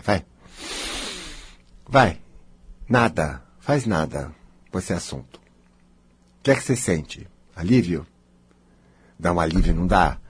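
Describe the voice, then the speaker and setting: A man's voice: darkish tone, breathy edge, dry recording. A man giving a guided self-help talk, dramatic, playing out inner voices. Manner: dramatic, acts out inner voices, swings high and low.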